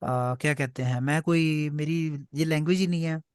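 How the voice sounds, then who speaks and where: A Punjabi-native man gives a patient online lesson in Hindi-Urdu for German beginners, frequently making sure everyone follows and often saying "ठीक है." His voice is fairly high, clear and resonant, with fairly even intonation at normal speed, on a dry, clean studio recording.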